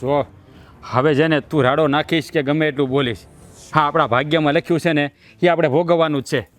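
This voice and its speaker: A man's voice: a little high, fairly even intonation, a little fast, natural voice. An actor playing a poor young husband who keeps soothing and pleading with his wife. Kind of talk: village family drama.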